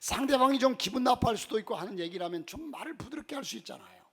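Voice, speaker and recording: A male pastor delivers a sermon in a church, his voice pitched high with a gravelly rasp. He weaves folksy, humorous stories into his preaching and swings between loud declarations and quiet asides. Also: animated, racing.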